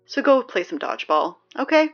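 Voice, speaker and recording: Voicing the wry, peppy teen who reads the school announcements in this scripted audio drama, the young woman turns sing-song, peppy, and cajoling at a fairly quick clip. The recording is muffled, with soft music behind her chatty, sardonic emphasis.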